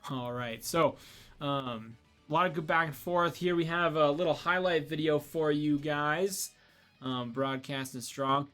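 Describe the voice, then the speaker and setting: A man's voice: on the high side, fairly even intonation, a little slow, a bit bright, faint music behind. A young man casting a college esports match in casual, rambling commentary, sleepy and yawning, with lots of fillers and restarts. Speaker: esports caster.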